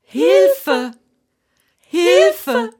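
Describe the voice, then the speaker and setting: Woman acting a damsel in distress, drowning maiden, high swooping voice, pleading, stylized stage drama. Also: big pitch swings, heavily acted. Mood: desperate pleading. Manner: damsel in distress, drawn-out cries for help. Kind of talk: repetitive stylized dramatic performance.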